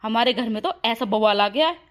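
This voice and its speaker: A woman's voice: on the high side, expressive, fairly quick, a bit bright. A woman voicing a weary, fed-up older mother-in-law in a cartoon story, talking in a tired, complaining way.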